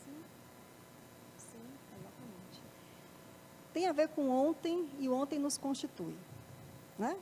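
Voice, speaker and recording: High-voiced Brazilian woman lecturing. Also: expressive, slow pace, long pauses, noisy background. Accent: Brazilian Portuguese. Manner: asks the audience frequent rhetorical questions. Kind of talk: live motivational talk. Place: parish auditorium.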